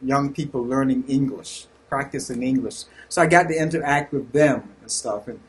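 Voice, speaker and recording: A man's voice: mid-range voice, moderate pace, slightly rough. A man in his sixties with a Southern US accent, a Redemptorist priest earnestly sharing reflections with a group and searching for his words. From North Carolina, USA.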